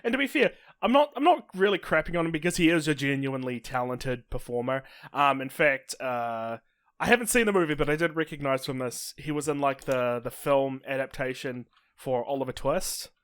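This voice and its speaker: A man's voice: mid-range voice, expressive, fairly quick, a bit bright, smooth. Dry-humored man on a film podcast. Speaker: podcast co-host. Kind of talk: casual film review chat.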